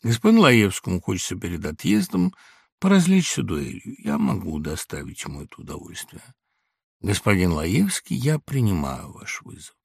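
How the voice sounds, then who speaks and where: Guy voicing a cool mocking zoologist, steady, a bit gravelly. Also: deep voice, no room sound, clean studio sound, voice pushed down, full character voice. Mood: cold. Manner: calm, measured, mocking. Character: cold, self-assured male zoologist, scornful. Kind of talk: audiobook reading.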